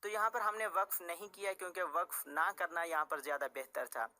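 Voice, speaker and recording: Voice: medium pitch, steady tone, brisk, pushed and bright. A Quran recitation teacher, patiently explaining tajweed rules and restating each point several ways.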